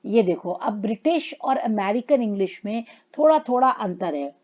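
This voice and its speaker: Woman teacher. Patient, explanatory classroom delivery, calls students children. Mid pitch, slightly dull lo-fi audio. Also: animated, mellow. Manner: addresses students as children, reads English lines slowly. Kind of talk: classroom lesson explaining grammar.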